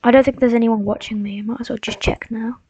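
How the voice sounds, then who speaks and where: Casual live-stream commentary comes from a young woman gaming, who rambles in a mock-heroic manner to herself and her viewers. Her voice is fairly high, husky, and dark in tone, steady and quick, with no room sound in the dull lo-fi recording.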